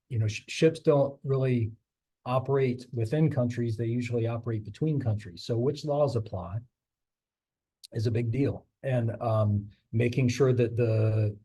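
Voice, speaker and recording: Chatty and loose, this middle-aged man describes his seafaring career as a guest speaker, restarting often, leaning on fillers, and slightly losing his voice. The tone is warm and mid-range.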